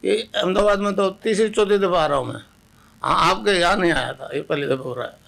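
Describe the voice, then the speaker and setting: Older Rajasthani guru addressing a crowd, high pitched with a rough gravelly edge. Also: male voice, fairly quick, fairly bright tone. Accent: Rajasthani Hindi. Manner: chants mantra aloud with audience; speaks to a gathered audience. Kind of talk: spiritual discourse.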